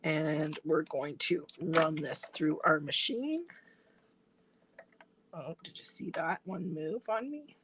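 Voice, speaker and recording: Speaking low and slowly over some background noise, a woman who is losing her voice runs a chatty, step-by-step tutorial at her craft table. She's an independent stamping demonstrator, talking to viewers while her hands stay busy.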